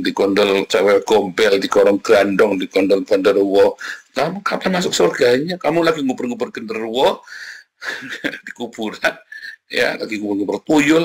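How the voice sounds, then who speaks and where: Husky man preaching with dramatic swings. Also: fairly low pitch. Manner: animated preaching, dramatic swings, often addresses listeners as brothers and sisters. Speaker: pastor. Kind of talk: sermon.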